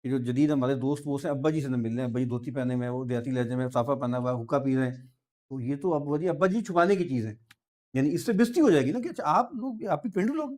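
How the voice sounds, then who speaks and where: A man giving an informal, discursive lecture, with asides and soft laughs, and reading verse slowly. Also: mid-range voice. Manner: reads verse slowly and drawn out.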